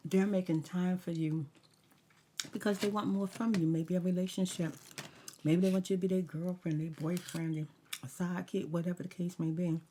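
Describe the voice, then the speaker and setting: A woman's voice: on the low side, dark tone, slight background noise. A woman ASMR vlogger rambling through a casual story time, talking candidly and emphatically with slangy asides and advice.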